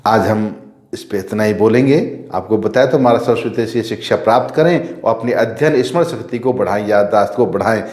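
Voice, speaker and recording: Priest who quizzes then answers himself. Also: male voice, on the low side, moderate pace, a little mellow, roomy sound. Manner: asks rhetorical questions and answers them himself; repeats key phrases for emphasis. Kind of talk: devotional teaching talk.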